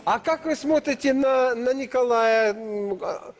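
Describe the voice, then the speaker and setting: A man's voice: extremely high pitch, unhurried. A man co-hosting a talk show, throwing in casual questions and remarks. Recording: long hall echo, faint music.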